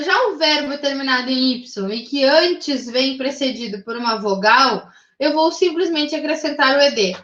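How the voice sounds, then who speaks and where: A woman's voice: a little high, sharp tone. A woman with a Brazilian Portuguese accent explaining English grammar to her class in a patient, methodical way, often checking in with short tag questions. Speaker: English teacher. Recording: roomy, slightly dull recording.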